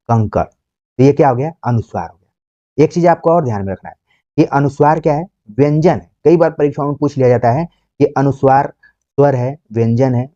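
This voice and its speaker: A man gives an exam-prep grammar lecture in a dark, relaxed voice. He repeats examples and keeps asking the class rhetorical questions. The sound is dry and slightly dull, like a lo-fi home recording. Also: medium pitch, dry recording. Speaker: Hindi teacher.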